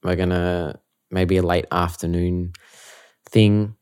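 A man's voice: deep voice, flat delivery, slow, a little mellow, smooth. A man with an Australian accent, chatting casually and informally as an interview guest. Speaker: musician being interviewed. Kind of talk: casual chat.

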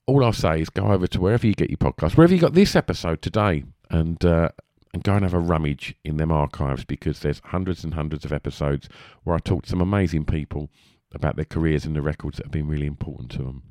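A man's voice: very deep voice, quick pace, few pauses, warm tone, dry recording, studio quality. A man with an Essex accent and a lisp, hosting a podcast in a rambling, chatty, casual way. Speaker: podcast host.

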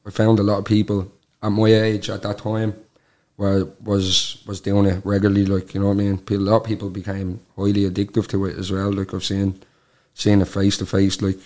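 A man in his twenties with a Dublin accent speaks in a low voice that stays very flat. He talks colloquially as an interview guest, peppering his speech with little tag phrases. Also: a little fast. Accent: Dublin Irish. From Dublin, Ireland. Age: 20s. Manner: colloquial, peppered with "like" and "you know what I mean". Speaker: podcast guest. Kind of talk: casual personal interview.

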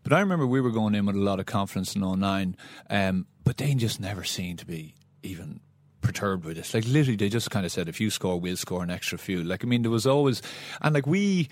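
A man's voice: lowish voice, animated, fast talker, few pauses, a little mellow, no room sound. An Irish man giving casual sports analysis as a former player turned pundit. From County Meath, Ireland. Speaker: former Gaelic footballer, pundit.

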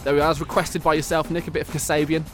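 A radio show host in his late twenties chats casually about sports, mocking himself and laughing often. His voice is on the high side with little pitch movement, he talks very fast, and loud music sits behind him.

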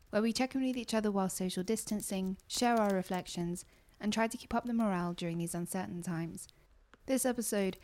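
A woman reads a podcast's scripted opening in an even, friendly tone. Her voice sits at a middle pitch. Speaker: podcast host. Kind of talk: scripted show intro.

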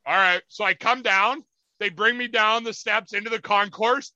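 A young man with a very sharp, bright tone tells a story in casual, profane chat. He talks over a video call, and the sound is dry and close with no room echo. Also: sits high, moderate pace, lo-fi sound. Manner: animated, profane, acts out quotes in loud voices. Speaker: podcast co-host.

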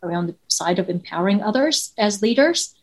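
This guest, a woman professor with a Taiwanese accent, sounds expressive and brisk at a medium pitch. Her interview answers are earnest and reflective, with rhetorical questions used to build each point.

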